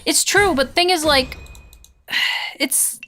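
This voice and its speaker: A woman with a high-sitting voice talks slowly in a pushed, bright tone, with a little background noise. She's a VTuber livestreaming online mahjong, chatting in a slangy, rambling way as she thinks out loud and replies to her viewers' chat.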